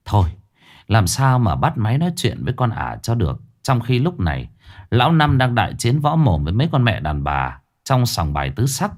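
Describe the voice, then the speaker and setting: A man narrating a ghost story in a dramatic, expressive way. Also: mid-range voice, moderate pace.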